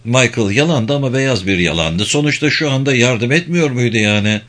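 Guy reading a novel out loud, pitch going all over the place. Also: animated, moderate pace. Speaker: audiobook narrator. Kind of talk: scripted narration.

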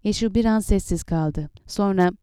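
Woman reading a novel aloud, mellow smooth voice, dry close mic. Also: medium pitch, normal speed, no echo. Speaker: audiobook narrator. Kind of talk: scripted narration.

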